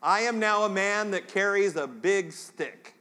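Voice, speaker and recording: A man's voice: sits high, lively intonation, a little slow, pushed and bright, big-room sound. A man preaching a sermon as pastor, chatting straight to the congregation in a conversational way.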